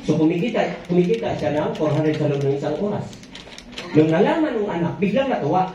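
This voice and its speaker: A man's voice: a little high, lively intonation, brisk, warm tone. A man telling a story to a live audience, playful and joking with his listeners between scenes. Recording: echoey, dull, from far off.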